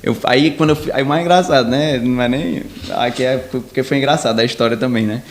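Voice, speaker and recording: A man, a podcast guest telling a story in an animated, rambling way, with many restarts and quoted dialogue. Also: medium pitch, fast, slight background noise. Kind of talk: casual storytelling.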